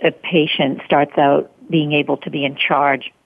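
A low-pitched woman with some creak in her voice hosts an interview. She puts her questions hesitantly, repeating words, and comes through a narrow, phone-like channel. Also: level tone, measured pace, no room sound. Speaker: interviewer, host.

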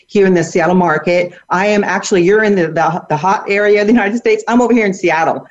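A woman's voice: mid-range voice, fast. A middle-aged woman answering as an interview guest, upbeat and laughing lightly as she talks. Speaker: guest, hair educator. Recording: dull lo-fi audio.

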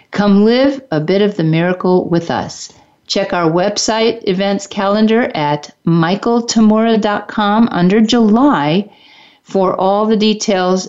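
A woman's voice: medium pitch, a little mellow. Upbeat woman reading a radio promo. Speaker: radio show co-host. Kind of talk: reading an event announcement. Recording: dull lo-fi radio sound.

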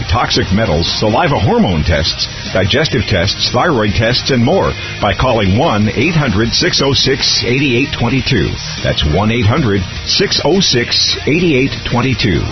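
Male announcer for scripted sponsor read, lively swinging pitch, music clearly behind, slightly dull sound. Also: moderate pace.

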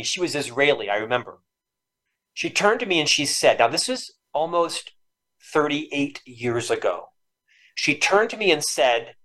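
The voice is male, fairly high-pitched and a bit bright. He's a Floridian in his fifties who has stuttered his whole life, and he recounts personal stories earnestly and emotionally while guesting on a podcast in a reflective interview.

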